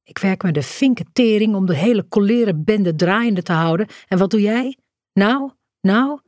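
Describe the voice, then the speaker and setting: A woman's voice: mid-range voice, lively intonation, normal speed, darkish tone, no room sound, clean studio sound, lightly acted. A woman voicing a crude, sneering drunken father. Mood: raging. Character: drunken, abusive, raging middle-aged father.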